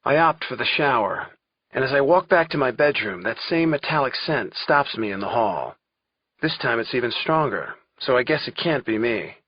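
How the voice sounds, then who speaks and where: A man's voice: medium pitch, expressive, moderate pace, husky, no room sound. A man narrating a first-person suspense audiobook in a wry, conversational way. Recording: dull lo-fi recording.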